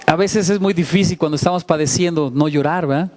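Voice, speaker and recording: A man's voice: fairly high pitch, a little fast, darkish tone. A man giving a sermon as a pastor, speaking conversationally, asking the congregation rhetorical questions and making self-deprecating asides.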